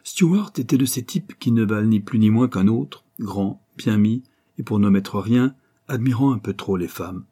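A man's voice: lowish voice, moderate pace, warm tone, slightly rough. A man voicing a tall, graying archaeologist who tells a tale in a commanding, storytelling manner. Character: tall weathered graying male archaeologist, authoritative.

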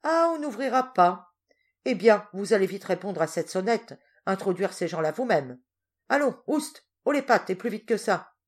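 A woman reading aloud, voicing a teasing, daring young woman who orders men about at gunpoint in a shrill, commanding voice. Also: animated, moderate pace, a little mellow, lightly acted.

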